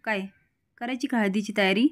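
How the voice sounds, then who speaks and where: A woman doing a brash, loud village father. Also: medium pitch, moderate pace, lightly acted. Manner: blunt, swaggering, rustic talk.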